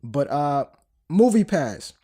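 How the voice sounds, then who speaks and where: This thirty-something man hosts a podcast with a cold, his voice on the high side, sing-song and mellow as he takes things slowly. The chat is casual and loose, with plenty of fillers and false starts.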